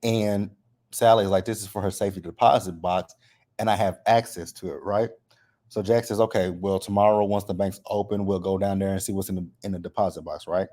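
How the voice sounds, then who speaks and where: Mellow man with a slight lisp from braces. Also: sits low, fairly even intonation, a little fast. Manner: conversational, often checks with "right?". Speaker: host of a TV episode recap. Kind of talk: casual recap commentary.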